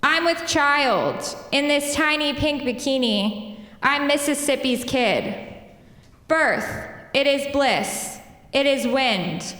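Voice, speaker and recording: A woman reads her poems slowly, line by line, in a high, bright voice. The sound carries the long ring of a big echoey hall. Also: expressive. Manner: slow, deliberate line-by-line delivery with soft laughs between poems. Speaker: poet reading her work. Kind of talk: poetry reading at a live event. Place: performance space.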